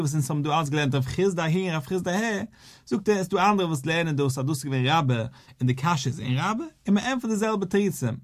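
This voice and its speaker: Animated man teaching Talmud, higher voice. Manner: animated, acts out both sides of the argument. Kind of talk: daily Talmud class.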